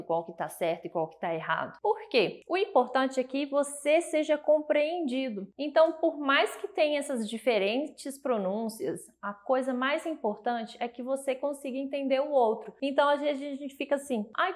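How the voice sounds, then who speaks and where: A young Brazilian woman gives a relaxed English lesson, talking in a friendly, chatty way. Her voice sits a little high, and she keeps piling up everyday examples to make each point. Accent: Brazilian Portuguese. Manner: chatty, explains with lots of examples and filler "né". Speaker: English teacher. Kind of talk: casual online lesson.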